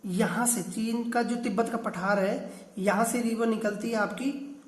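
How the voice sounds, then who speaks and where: A man's voice: high-pitched, steady tone, a little slow, echoey room. A man teaching a geography class, explaining step by step, often asking a question and then answering it himself. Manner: explanatory, repeats key terms.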